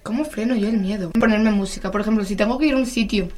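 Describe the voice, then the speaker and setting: A woman's voice: mid-range voice, quick pace, darkish tone. A young woman co-hosting a podcast, chatting casually with many fillers and frequent laughs. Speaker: podcast co-host. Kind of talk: casual chat.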